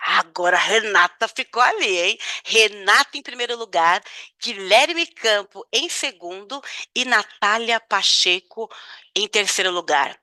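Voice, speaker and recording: A woman with a Brazilian Portuguese accent hosting a live online quiz over a video call, excitable and playfully dramatic as she builds suspense. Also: medium pitch, a little slow, dry recording, clean studio sound. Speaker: quiz host.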